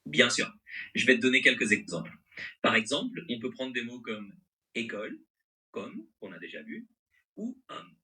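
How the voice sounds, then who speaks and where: A man speaks as a conversational AI assistant, his voice very bright and crisp at the edges, with a lively pitch that moves widely. His French accent is mixed, carrying an American-sounding intonation, and his manner is agreeable and accommodating. He talks at a moderate pace with frequent pauses, and the audio quality is poor.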